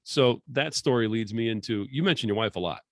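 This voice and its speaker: A man's voice: medium pitch, a little fast, no echo, clean studio sound. A man hosting a podcast interview, talking in an encouraging, rambling way with plenty of fillers. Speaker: podcast host. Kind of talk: casual interview chat. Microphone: podcast microphone.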